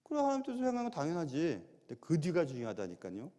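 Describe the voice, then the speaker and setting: Lively high-voiced man preaching. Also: racing. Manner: animated preaching, rhetorical questions, acts out quotes. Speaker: pastor. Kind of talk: sermon. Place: large church sanctuary. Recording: long church hall reverb.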